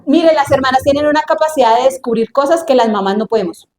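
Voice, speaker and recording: A woman preacher, giving an animated sermon and acting out the scenes she describes. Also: high voice, fast. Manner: animated, acts out scenes in voices. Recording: echoey church room.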